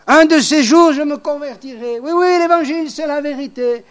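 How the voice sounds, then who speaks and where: A man preaching mimics a carefree man who keeps putting off faith to enjoy life, dismissive and breezy, higher than his own voice. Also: moderate pace. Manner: breezy, dismissive, repeating himself.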